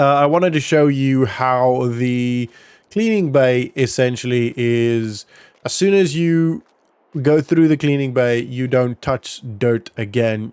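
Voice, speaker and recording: A male gaming vlogger speaks in a clean, resonant, smooth voice of middling pitch and darkish tone, recorded dry with no room sound or echo. Casual and conversational, he explains what's happening in a roleplay game as he plays.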